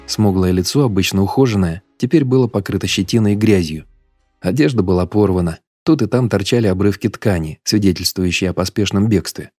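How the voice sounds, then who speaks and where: A man narrating an audiobook in a steady, measured storytelling manner. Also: deep voice, dry recording, faint music behind.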